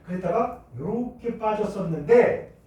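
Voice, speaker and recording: A middle-aged chemistry teacher from Jeju Island talks to his class in a high voice that swings widely in pitch. He spins a childhood story with animated acted-out voices before returning to the lesson. He is recorded from a distance in a strongly echoing room. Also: unhurried. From Jeju Island, Korea. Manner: animated, acts out shouting voices in his stories. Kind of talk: classroom lecture with personal storytelling. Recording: echoey room, mic far off.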